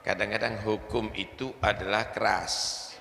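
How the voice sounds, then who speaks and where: A man's voice: fairly low pitch, measured pace, gravelly, slight background noise. A man preaching a sermon, often checking with listeners whether they understand. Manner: animated preaching, mixes in Javanese words, asks "paham ya?". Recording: echoey hall with faint ambience.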